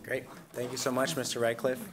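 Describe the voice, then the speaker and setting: A man in his thirties giving a prepared presentation to a commission at a public meeting, in a steady, measured way with frequent ums. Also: mid-range voice, background noise. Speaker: invited presenter.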